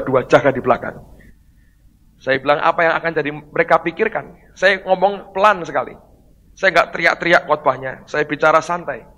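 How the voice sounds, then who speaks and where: A male pastor, telling a story in a sermon to his congregation and calling out loudly as he retells it. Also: fairly high pitch, low-quality recording. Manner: storytelling, addresses the congregation as "saudara"; bursts into loud exclamations when retelling the service. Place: church hall.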